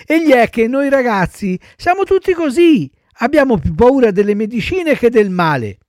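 A man voicing a stubborn, whiny wooden puppet boy in a shrill, pleading high voice. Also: very animated, normal speed, darkish tone, dry recording. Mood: cheerful.

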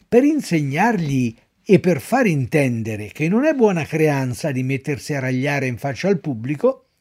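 Man reading a story, lively and high-pitched. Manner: animated, dramatic reading.

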